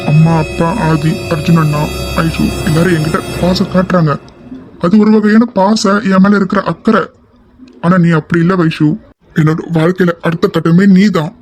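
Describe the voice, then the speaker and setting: A man's voice: on the high side, steady tone, normal speed, over music, lightly acted. A young man voicing an affectionate, shy young man in an audio drama, speaking in an earnest, tender, pleading way. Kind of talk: amateur audio drama acting.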